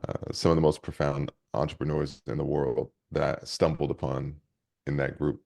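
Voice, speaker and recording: A man's voice: extremely low pitch, flat delivery, moderate pace, creaky, darkish tone. A man who is a leadership coach and speaker, telling stories energetically in an interview with many restarts. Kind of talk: conversational interview storytelling.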